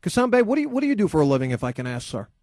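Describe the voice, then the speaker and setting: A man's voice: high voice, very animated, racing, darkish tone, dry recording. A man hosting a sports talk radio show, ranting in a combative, sarcastic, emphatic way and then taking calls. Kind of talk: opinionated talk radio rant. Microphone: studio microphone.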